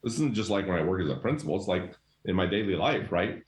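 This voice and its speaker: A man's voice: sits low, lively intonation, fast, roomy sound. A middle-aged man, a guest leadership coach, talking emphatically and animatedly in casual conversation, acting out quoted voices. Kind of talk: passionate conversational storytelling.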